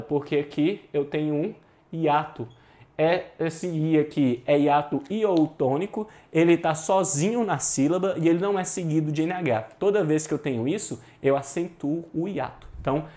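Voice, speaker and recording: A man's voice: fairly high pitch, darkish tone. Brazilian man teaching, informal and emphatic. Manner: informal and emphatic, with slang and swearing; drills points by repeating them. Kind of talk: online exam-prep lecture.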